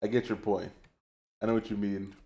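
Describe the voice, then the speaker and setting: A man's voice: lowish voice, flat delivery, fairly quick, mellow. A man chatting casually, rambling and hesitant, with many fillers. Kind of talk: casual chat.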